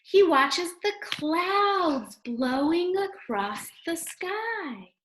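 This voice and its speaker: With a high, somewhat bright voice and a little hiss or hum on the recording, a teacher leads a read-aloud lesson at home. She speaks simply to the young children, asking questions and sounding out letters.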